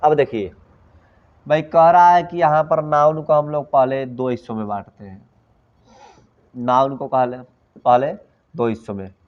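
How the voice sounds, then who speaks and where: A man's voice: medium pitch, fairly even intonation, measured pace, pauses often. A male teacher with a Bhojpuri-tinged Hindi accent, giving a classroom grammar lecture. He asks questions and then answers them himself, and he mixes English phrases into his talk. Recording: dull lo-fi classroom recording.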